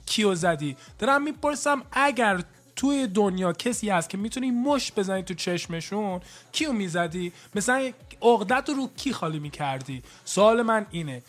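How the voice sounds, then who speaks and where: A man's voice: high voice, lively intonation. A man with an American-tinged accent hosting a call-in radio show and bantering with callers. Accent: American-tinged Persian. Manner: jokey, loud greetings, banters with callers. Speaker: radio host.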